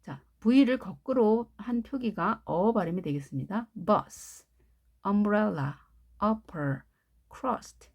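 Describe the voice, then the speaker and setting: A woman's voice: on the low side, darkish tone, breathy edge. A woman with a Korean accent teaching English pronunciation, explaining step by step and repeating each word. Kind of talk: classroom-style pronunciation lesson.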